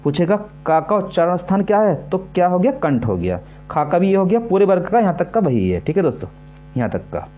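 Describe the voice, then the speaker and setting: A man teaching an exam-prep lesson, repeating himself often and slowly sounding out syllables to demonstrate them. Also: sits high, big pitch swings, lo-fi sound, slight background noise. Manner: repetitive, keeps asking "है ना" and "ठीक है".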